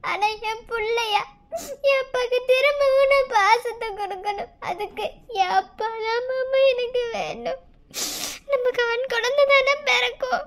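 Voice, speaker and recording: A woman doing a young cartoon woman with a Madurai Tamil accent and a very high, childlike voice. She pleads emotionally in rustic slang, tender and longing for her late father. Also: steady tone, unhurried, creaky, a bit bright, exaggerated voice. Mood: tearful pleading. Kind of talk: cartoon voice acting.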